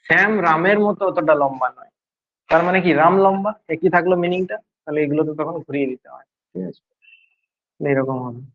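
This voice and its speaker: A male teacher giving a grammar lesson, explaining slowly, repeating key points and quizzing his students. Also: on the high side, lo-fi sound.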